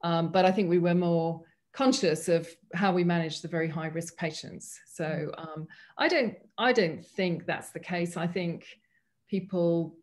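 A woman's voice: lowish voice, measured pace. A woman speaking earnestly as a panelist in a medical webinar over a video call. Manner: thoughtful, earnest, frequent restarts.

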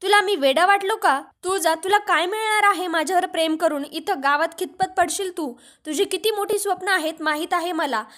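A woman's voice: extremely high pitch, normal speed, hardly any pauses, a bit bright. A woman reading the lines of a teasing, disbelieving young village man in a storybook retelling. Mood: mocking. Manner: mocking, laughing it off.

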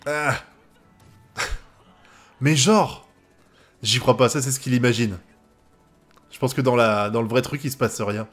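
A man's voice: mid-range voice, fairly even intonation, unhurried, long pauses, soft background music. A man from France giving live reaction commentary on an anime episode, swearing often and breaking into laughter.

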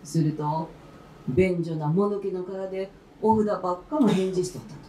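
A woman's voice: fairly low pitch, normal speed, slight background noise. Woman telling an old folktale live. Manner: lively, expressive storytelling in dialect. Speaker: folktale storyteller. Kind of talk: live folktale narration with flute and shamisen. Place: concert venue. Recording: roomy live hall with faint instruments. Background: faint traditional instruments.

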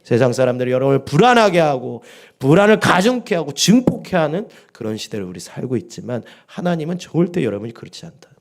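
A man's voice: medium pitch, a little mellow. A middle-aged male pastor delivering a dawn sermon, telling a story with quoted dialogue and building to emphatic exhortation. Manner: rises to emphatic peaks when exhorting.

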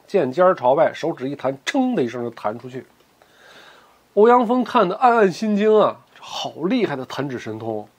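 A male storyteller with a husky, somewhat high voice narrates in a loose, colloquial, joking manner. His pitch moves about lively as he tells the tale.

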